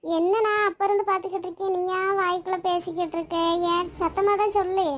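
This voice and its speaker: A woman's voice: very high-pitched, steady tone, quick pace. A woman voicing a bossy, quarrelsome old mother-in-law in a cartoon, speaking. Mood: scolding. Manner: scolding, demanding, picks fights.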